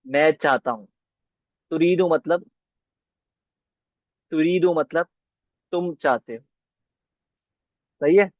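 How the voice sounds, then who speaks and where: Slow and repetitive, a slightly high-voiced man walks his students through a beginner Arabic lesson, checking their understanding with "ठीक है?". The lo-fi recording is dull and dry, with no room sound.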